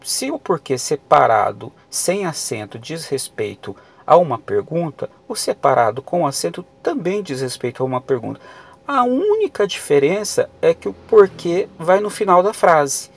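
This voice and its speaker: A man's voice: on the high side, sing-song, normal speed, creaky. A man teaching a grammar lesson for exam prep, explaining patiently with many fillers and restarts.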